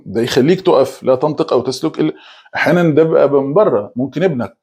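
A man preaching with an Egyptian Arabic accent, talking quickly with frequent restarts and repeated words. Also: a little high, lively intonation, darkish tone, slightly rough. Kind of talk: religious talk.

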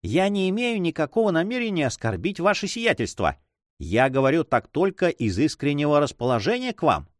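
Man doing a cold greedy spy, audiobook, coolly polite, deferential, lively pitch, dry close sound. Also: fairly quick, no room sound. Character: cold, calculating male spy, greedy for gold. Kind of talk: audiobook reading.

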